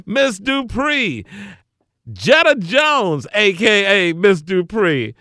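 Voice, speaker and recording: A man's voice: high-pitched, very animated, slow pace, pushed and bright, no echo, studio quality. A man hosting a radio show, wrapping up a comedy sketch in a playful, theatrical way.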